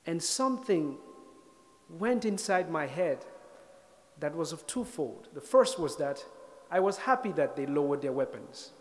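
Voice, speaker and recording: Wry storytelling man, slightly high voice. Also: big pitch swings. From Sierra Leone. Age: 30s. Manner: wry, self-deprecating humor with reflective pauses. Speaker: guest speaker. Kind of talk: storytelling lecture. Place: lecture hall stage.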